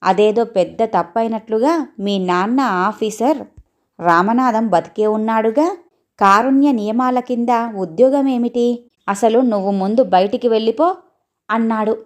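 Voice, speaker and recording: A woman's voice: on the high side, a little slow. Woman reading a family story aloud. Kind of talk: scripted story narration.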